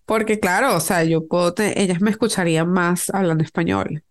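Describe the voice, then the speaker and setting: A Venezuelan woman co-hosting a podcast, telling stories in a casual, animated way and laughing often. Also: fairly low pitch, a little fast. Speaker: podcast co-host. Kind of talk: casual chat.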